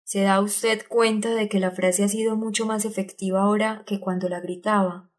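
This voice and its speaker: A woman's voice: medium pitch, flat delivery, moderate pace, lightly acted. Woman reading an exacting acting teacher. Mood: instructive. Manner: didactic, explaining step by step. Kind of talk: audiobook reading of a character.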